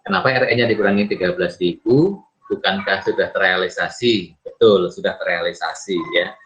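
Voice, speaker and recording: An Indonesian accounting lecturer with a deep, slightly bright voice talks a bit fast through a recorded lesson, taking it step by step. He teaches didactically, often posing questions and then answering them himself. The microphone sound is muffled and lo-fi.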